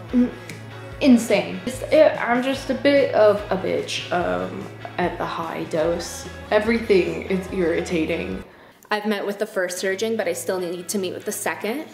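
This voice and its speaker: A vlogger in her 20s gives a casual personal update, talking candidly, wryly and with self-deprecation. Her voice is mid-range and the audio is reverberant.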